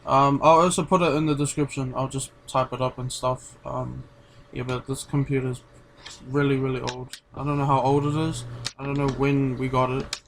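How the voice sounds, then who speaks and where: Male reaction host, rambling casual chat, ordinary pitch. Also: flat delivery, moderate pace, slight background noise. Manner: rambling, filler-heavy, laid-back. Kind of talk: casual commentary.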